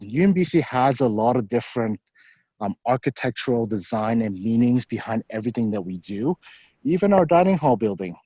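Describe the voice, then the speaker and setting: Slightly out of breath as he walks, this man from the university staff gives a live virtual campus tour and answers questions in an explanatory way, often saying "um" and "so." He has a medium-pitched, dark voice, captured in a dry, muffled recording.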